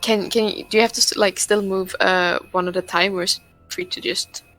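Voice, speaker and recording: A woman's voice: mid-range voice, steady tone, a little fast, a bit bright, faint music behind, low-quality recording. A woman playing a tabletop role-playing game, casually talking through what her character says and does.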